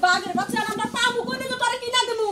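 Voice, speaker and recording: A woman's voice: very high voice, very fast, crowd noise. A woman playing a needling village mother. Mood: teasing. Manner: teasing and needling.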